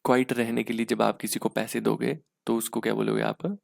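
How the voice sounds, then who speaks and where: Young indian man, english teacher, gravelly voice, dry close sound, slow word-by-word reading, rhetorical check-ins. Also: lowish voice, little pitch movement, dry recording. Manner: explains slowly, reads sentences out word by word; checks in with repeated rhetorical questions. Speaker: English teacher for exam prep. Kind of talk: casual online exam-prep lesson.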